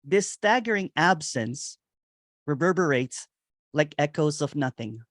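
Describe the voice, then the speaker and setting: Slow, meditative man speaking spiritually. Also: fairly high pitch, animated, no room sound, clean studio sound. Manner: meditative, repetitive, with soft chuckles. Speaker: nonduality speaker. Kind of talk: slow spoken spiritual reflection.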